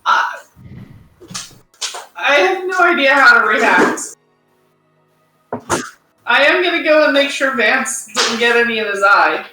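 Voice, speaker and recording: A woman playing a tabletop game, talking in a confused, unhurried way. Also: fairly high pitch, animated, music in the background. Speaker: player. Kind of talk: casual chat in a tabletop game. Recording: very echoey, distant, noisy mic.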